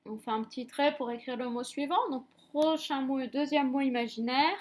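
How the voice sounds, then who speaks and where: A woman teaching a reading lesson to young children, speaking slowly and sounding out each syllable with careful articulation. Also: high-pitched. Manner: slow, clearly articulated, drawing out sounds. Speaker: primary school teacher.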